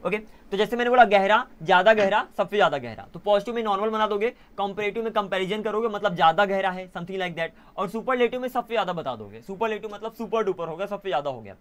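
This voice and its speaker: A young man teaching an online English class in a casual way, often pausing to correct himself. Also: sits high, fairly bright tone. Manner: casual, self-correcting, mixes Hindi and English.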